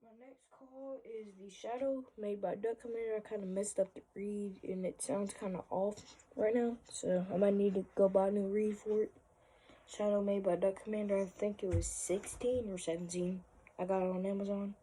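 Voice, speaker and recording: Husky, mellow voice in casual show-and-tell. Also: medium pitch, steady tone, normal speed, rough recording. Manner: hesitant, informal, trailing asides. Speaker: hobbyist presenter showing a collection.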